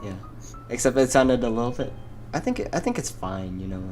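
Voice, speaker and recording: A man's voice: medium pitch, wildly swooping pitch, fairly quick, darkish tone, faint music behind. A young man co-hosting a casual podcast, easygoing and hesitant with many fillers. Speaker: podcast co-host. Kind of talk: casual chat.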